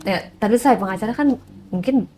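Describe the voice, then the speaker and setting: A woman's voice: mid-range voice, a little fast, dark tone, a little hiss or hum. Seorang perempuan pembawa acara podcast yang santai, sering menyela dengan pertanyaan penasaran dan gumaman. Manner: curious, prodding questions with frequent hums. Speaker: podcast host. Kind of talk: casual podcast interview.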